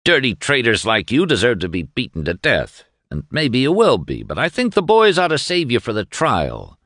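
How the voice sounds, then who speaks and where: A man's voice: medium pitch, wildly swooping pitch, normal speed, fairly bright tone, no room sound, studio quality, pitched above the performer's own voice. An actor playing a callous, lazy young male doctor who sneers at a prisoner, in a storybook reading. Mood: sneering.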